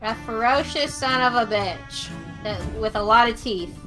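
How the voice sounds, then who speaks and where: A woman co-playing a game, chatting casually, excitable, laughing often and swearing. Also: a little high, unhurried, music in the background. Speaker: co-player. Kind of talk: casual gameplay chat.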